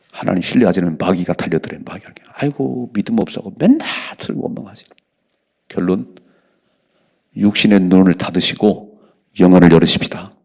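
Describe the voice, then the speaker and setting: A man's voice: sits low, creaky, darkish tone, breathy edge. A man preaching an early-morning sermon as a pastor in a church, exhorting the congregation and calling for amens. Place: church sanctuary.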